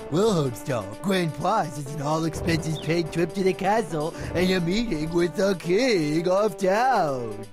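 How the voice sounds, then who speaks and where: Booming cartoon prize announcer, swooping pitch. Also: male voice, exaggerated voice. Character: goofy, excitable dim cartoon athlete hamming as prize announcer. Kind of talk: cartoon video game voice acting. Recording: music behind the voice.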